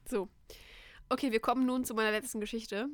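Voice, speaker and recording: A woman's voice: a little high, steady tone, brisk, dry recording. A young woman co-hosting a podcast, chatting casually and reacting with joking, dramatic outbursts. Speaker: podcast co-host. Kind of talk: casual chat.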